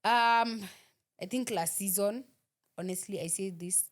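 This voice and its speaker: A woman's voice: medium pitch, measured pace. A woman with a Kenyan accent co-hosting a football podcast in casual sports chat, switching between English and Swahili.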